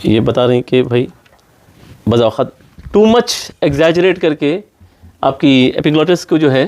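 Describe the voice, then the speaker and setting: A man's voice: a little high, expressive, a little mellow. A man with a slightly raised voice teaches pronunciation to a class. He is patient and demonstrates each sound again and again in a classroom. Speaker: Quran recitation teacher.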